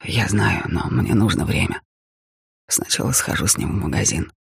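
Narrator putting on patient husband, voice dropped low, rough and husky, soft steady reassurance. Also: male voice, moderate pace, no echo, studio quality, full character voice. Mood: tired. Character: patient worried husband, calm and gentle.

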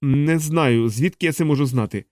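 A man's voice: a little high, moderate pace, darkish tone, no room sound, lightly acted. A man reading an audiobook and voicing an agitated male physicist in a raised, urgent voice.

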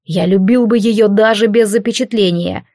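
A woman's voice: mid-range voice, normal speed, mellow, dry recording, clean studio sound, close to an everyday voice. A woman reading the lines of a proud, bitter male ambassador, cold and clipped in an audiobook. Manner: cold, clipped, spitting words.

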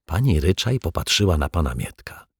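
A man reading a children's story aloud in a measured, deliberate narration. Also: sits low, sing-song, slightly rough, no room sound, studio quality. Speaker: audiobook narrator.

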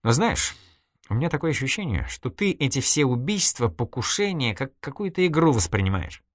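A man's voice: medium pitch, sing-song, brisk, no echo, clean studio sound, voice pushed up. A man reading an audiobook, voicing a shaken woman who reproaches a friend. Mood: reproachful. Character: shaken woman facing her friend the killer.

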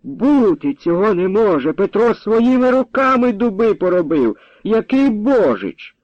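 A man voicing a fussy old village grandmother who coaxes and exclaims in a high voice, in a storybook reading. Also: big pitch swings, measured pace, no room sound. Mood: bewildered. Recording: dull lo-fi audio.

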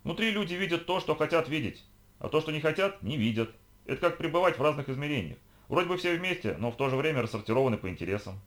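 A man voicing a bold, bossy young girl who guides her companion, in a brisk, commanding way. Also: fairly high pitch, expressive, fairly bright tone, voice pushed up. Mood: instructive.

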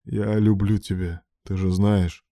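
A man voicing a hot-tempered, protective husband who yells in hysterical, indignant outbursts. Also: sits low, flat delivery, unhurried, dry recording, studio quality. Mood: tired tender. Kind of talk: audiobook character voice.

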